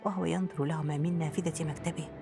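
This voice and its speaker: A woman reads the narration of a radio drama in measured formal Arabic. Her voice sits on the lower side, and clear music plays behind her. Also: steady tone. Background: background music.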